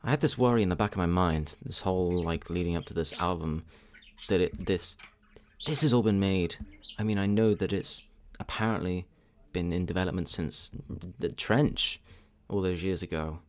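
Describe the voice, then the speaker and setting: A man with a deep, low-pitched voice talks through his thoughts on a track. He hesitates often, fills pauses with ums, restarts his sentences and weighs his opinions candidly. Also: slight background noise. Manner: hesitant, many ums and restarts, thinking aloud. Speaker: music reaction channel host. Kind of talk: casual spoken music review.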